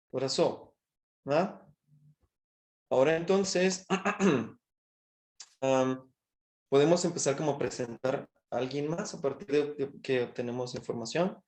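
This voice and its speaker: A man leads an online language lesson in an unhurried, deliberate way. He speaks at a mid pitch and keeps pausing to check that his students are following. He sounds like he is talking into a video call. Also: a little mellow. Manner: patient, keeps checking in with short tag questions. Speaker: language teacher.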